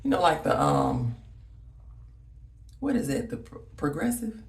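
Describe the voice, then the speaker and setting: Far from the mic in a roomy echo, slightly off-mic, a Southern-accented woman from Alabama rambles through a casual, reminiscing chat aimed directly at her viewers as a vlogger. Her voice is low and creaky, very animated yet a little slow.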